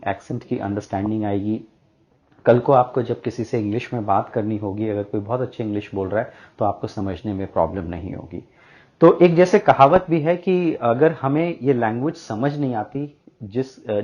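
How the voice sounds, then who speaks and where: A man's voice: medium pitch, warm tone. Male teacher. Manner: explanatory, with frequent "uh" fillers. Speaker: English teacher. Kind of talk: bilingual Hindi-English lesson. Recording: dull lo-fi audio.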